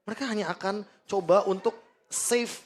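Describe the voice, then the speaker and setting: A man's voice: sits high, moderate pace. A man with an Indonesian accent giving analytical esports commentary on a match. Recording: music behind the voice. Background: music.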